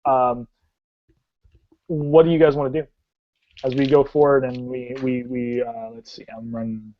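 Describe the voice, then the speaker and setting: A man narrating a tabletop game as game master, describing the action in a halting way with many restarts. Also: mid-range voice, level tone. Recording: dull lo-fi audio.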